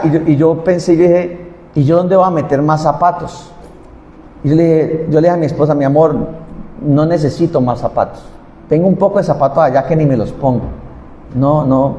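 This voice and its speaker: A man preaching as a pastor at a church service, moving between loud chant-like declarations and calm, conversational teaching, often addressing listeners as "brother". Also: high voice. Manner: often says "mi hermano". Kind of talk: sermon. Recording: echoey hall, some distance from mic.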